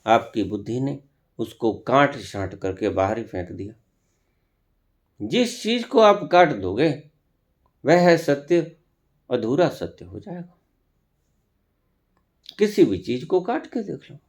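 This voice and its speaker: A man speaks as a spiritual teacher in an unhurried discourse, leaving long pauses between phrases. His pitch sits in the middle of the male range but swings widely. He often turns on his listeners with pointed rhetorical questions.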